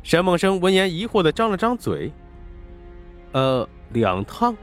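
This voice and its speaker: A man narrating an audiobook with expressive storytelling. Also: high-pitched, a little fast, faint music behind.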